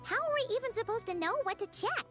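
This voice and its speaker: A woman's voice: extremely high pitch, expressive, fast, a bit bright, faint music behind. A woman voicing a tiny, chatty floating companion girl who is blunt and a bit whiny in a video game. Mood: grumbling. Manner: bubbly, complaining.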